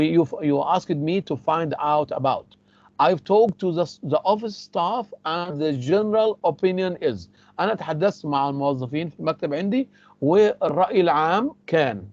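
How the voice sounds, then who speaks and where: A man with an Egyptian Arabic accent teaching English, explaining phrases in Arabic and repeating the English examples slowly and carefully. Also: fairly high pitch, darkish tone, dry recording, dull audio. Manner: repeats key words for emphasis.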